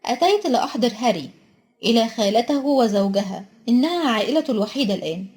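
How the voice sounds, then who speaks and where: A woman voicing an old male wizard headmaster, calm and serious, in a storybook reading. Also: a little high, fast, close to an everyday voice.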